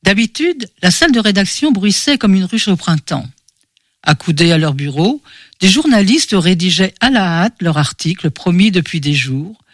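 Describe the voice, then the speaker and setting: High-pitched male audiobook narrator. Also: expressive, moderate pace, no room sound, clean studio sound.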